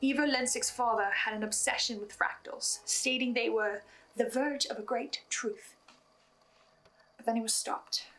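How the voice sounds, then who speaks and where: This host speaks a little slowly in a slightly high, steady voice that's a bit bright, captured in a low-quality recording. She recaps a horror audio drama with scripted, theorizing commentary and asides, addressing the listener dramatically and emphatically.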